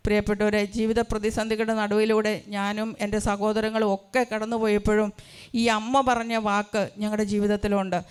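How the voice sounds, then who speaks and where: Woman, religious sister, sermon testimony, earnest rhetorical questions, flat even delivery, crisp voice. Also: mid-range voice, fairly quick. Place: church retreat hall.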